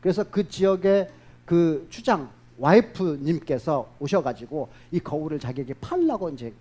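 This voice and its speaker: A male pastor preaching a sermon, telling stories in a lively way and acting out the voices of the people in them. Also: fairly high pitch, moderate pace.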